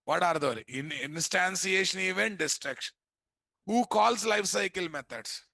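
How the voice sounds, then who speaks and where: A man's voice: high-pitched, animated, unhurried, creaky, pushed and bright, no echo, clean studio sound. A man with an Indian accent lecturing to students as an instructor, prompting them with repeated questions that he often answers himself. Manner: prompting, repetitive, asks and answers his own questions. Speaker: programming instructor.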